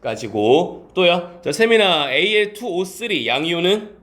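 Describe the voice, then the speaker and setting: A male teacher lectures a class, quizzing students by name and answering his own questions as he goes. His voice sits high and moves up and down a lot. He mixes polite speech with casual talk. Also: very animated, a little slow, a bit bright. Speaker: science teacher.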